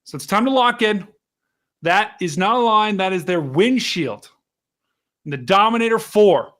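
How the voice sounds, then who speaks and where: A man's voice: high voice, expressive, a little slow, fairly bright tone. A man hosting a live weather stream, explaining radar to viewers in a casual but urgent, hyped way. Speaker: livestream host commentating on storm chase. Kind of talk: live weather commentary to chat.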